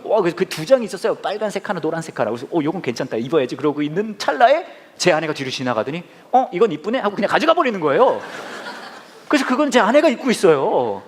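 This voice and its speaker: A middle-aged man preaching a humorous sermon in a church, self-mocking and acting out bits of dialogue. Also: a little high. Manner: animated, self-mocking, acts out quoted dialogue. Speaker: pastor.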